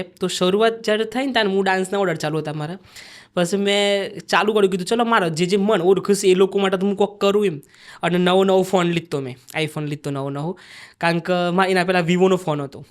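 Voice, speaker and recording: A young man with a Sabarkantha Gujarati dialect, a vlogger and dancer telling his story as a podcast guest in a chatty way and acting out the lines he quotes. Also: high-pitched. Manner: chatty, acts out quoted lines of himself and others.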